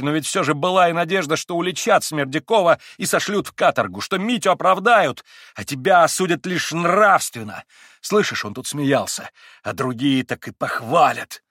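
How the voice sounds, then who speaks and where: A man voicing a feverish, tormented young man in an audiobook, husky and agitated, rising into anguished outbursts. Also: a little high, a bit bright, no echo, clean studio sound, voice pushed up, heavily acted. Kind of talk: audiobook character reading.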